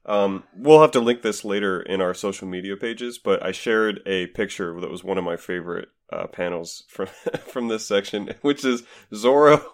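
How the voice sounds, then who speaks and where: A man co-hosting a casual podcast, chatty and animated while recounting scenes. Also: fairly low pitch, normal speed, hardly any pauses. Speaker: podcast co-host.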